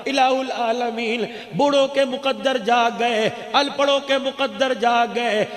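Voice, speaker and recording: A man's voice: very high-pitched, fairly even intonation, unhurried. A man preaching a sermon, telling a story with an impassioned, chanting cadence. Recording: echoey hall with long reverb.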